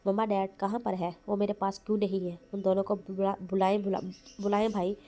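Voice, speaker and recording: A confused young woman from an audio novel, read by a woman narrator. She asks anxious questions one after another. The reading stays mellow and flat. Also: medium pitch, brisk, natural voice.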